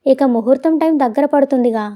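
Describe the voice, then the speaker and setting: A woman playing a brisk, practical mother. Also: sits high, mellow, natural voice. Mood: busy. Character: middle-aged mother, busy and practical.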